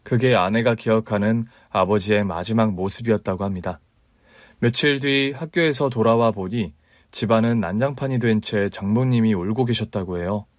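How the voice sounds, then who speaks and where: A man narrating a radio story calmly, retelling events he was told. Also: lowish voice, normal speed, no echo, clean studio sound. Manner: calm, retelling secondhand.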